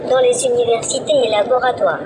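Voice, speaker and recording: Cheerful humanoid robot with a synthetic female voice. High, even text-to-speech read on a noisy exhibition floor. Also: a little fast. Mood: chipper. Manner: even, politely scripted delivery. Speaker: demonstration robot presenting itself.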